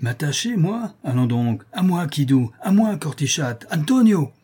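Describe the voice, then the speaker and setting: A man voicing a fierce, scheming sailor traitor in a storybook reading, loud and theatrical. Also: a little high, very animated, a little fast, slightly rough, voice pushed up. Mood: furious.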